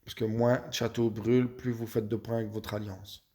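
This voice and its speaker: Hesitant Belgian man with a low, dark voice. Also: little pitch movement, moderate pace. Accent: Belgian French. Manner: hesitant, many fillers and self-corrections. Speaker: gaming YouTuber. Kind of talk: casual gameplay tips walkthrough.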